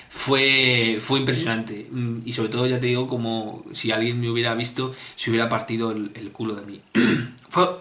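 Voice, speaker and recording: Chatty young Spanish man, echoey room. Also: medium pitch. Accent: Spanish from Spain. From Spain. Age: 20s. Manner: animated, hesitant with fillers and restarts, clears throat often. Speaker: mystery channel host. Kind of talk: casual storytelling to camera.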